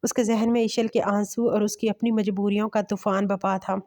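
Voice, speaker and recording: A woman storyteller narrating a romantic novel in steady bedtime-story reading. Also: medium pitch, normal speed.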